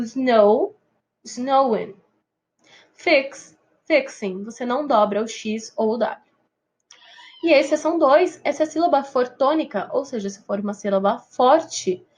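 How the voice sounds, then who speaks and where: A woman's voice: high voice, measured pace. A woman teacher with a Brazilian Portuguese accent explaining English grammar patiently, often checking in with her students. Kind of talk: recorded grammar lesson.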